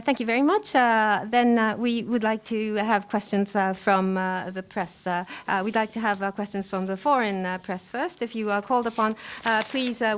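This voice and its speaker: A woman working as a live consecutive interpreter at a press briefing, rendering remarks into English in short, halting phrases with frequent pauses. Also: mid-range voice, slight background noise. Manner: halting, pausing often mid-phrase.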